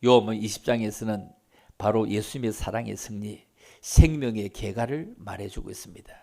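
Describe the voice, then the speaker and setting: A male pastor preaching an Easter sermon in a church, swinging from loud, stirring lines to near whispers and repeating his key phrases. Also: on the low side, fairly quick, creaky. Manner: acts out quoted voices and repeats key phrases. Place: church sanctuary.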